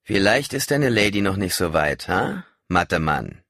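A man voicing a fierce militant woman who leads a revolutionary cell, loud and biting in her mockery. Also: deep voice, big pitch swings, unhurried, dry recording, studio quality, exaggerated voice. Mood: scornful.

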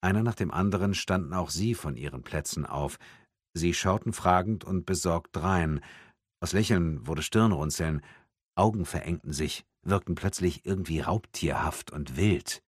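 A man reading an audiobook in a measured, tense storytelling manner. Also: sits low, husky, no room sound, studio quality. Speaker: audiobook narrator. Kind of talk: scripted audiobook narration.

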